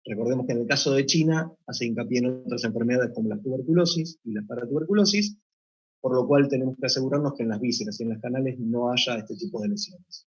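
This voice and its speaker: A man delivers a technical conference presentation in a husky, slightly breathy voice of middling pitch. He explains step by step in a measured way, pausing now and then to find a word. The recording sounds dull and lo-fi. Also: darkish tone. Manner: measured, explanatory, occasional hesitations. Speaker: meat plant deputy manager presenting.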